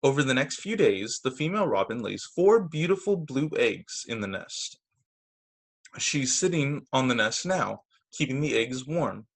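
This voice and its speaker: Reading aloud to young children on a video call, a man teaches through storytime with deliberate, expressive delivery, picked up by the call's microphone. He has a gravelly, mid-range voice.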